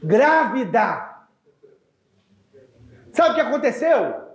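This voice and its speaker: A male pastor preaching a sermon, telling a story with animated acted-out dialogue and often addressing the congregation as dear ones. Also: extremely high pitch, normal speed, echoey room. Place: church.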